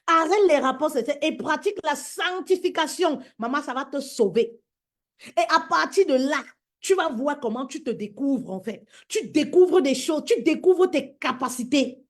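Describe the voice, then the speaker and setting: High-voiced woman preaching with fervor. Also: lively intonation, moderate pace. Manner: emphatic, repetitive, addressing listeners as "my queen". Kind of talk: preaching to women on social media live.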